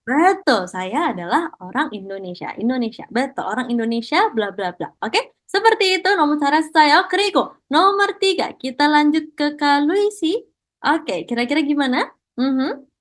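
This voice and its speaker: High-pitched woman teaching an online class. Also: lively intonation, moderate pace. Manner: encouraging, mixes Korean praise into Indonesian. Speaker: Korean language teacher.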